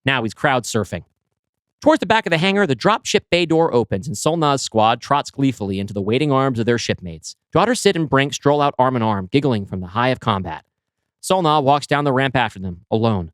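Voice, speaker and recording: Reading scenes from the screenplay he wrote, a male podcast co-host explains it to his partner with vivid, narrative flair and frequent fillers. His mid-range voice runs a little fast. The audio is dry and of studio quality.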